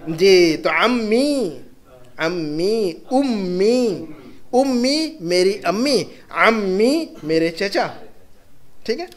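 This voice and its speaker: Slow, patient man teaching. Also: high-pitched, lively intonation. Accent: Urdu. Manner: slow, repeats each phrase patiently. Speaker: Arabic teacher. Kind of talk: classroom lesson.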